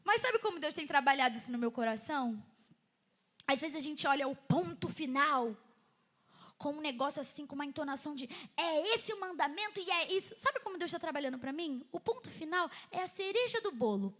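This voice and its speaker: A woman in her twenties with a Brazilian Portuguese accent, giving a chatty, lively sermon testimony at a women's church event and often laughing between points. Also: high voice, fairly quick. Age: 20s. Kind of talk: sermon testimony to a live audience.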